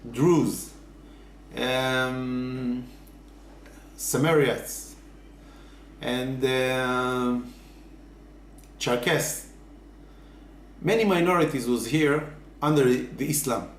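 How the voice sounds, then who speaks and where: Halting man in an echoey room. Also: mid-range voice, a little hiss or hum. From Israel. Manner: earnest, halting, with many fillers. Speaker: interviewee. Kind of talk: casual interview answers.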